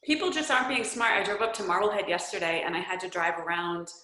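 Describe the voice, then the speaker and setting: A woman's voice: fairly low pitch, fast, pushed and bright, roomy sound, low-quality recording. A woman chatting on a group video call, speaking in an earnest, thoughtful way.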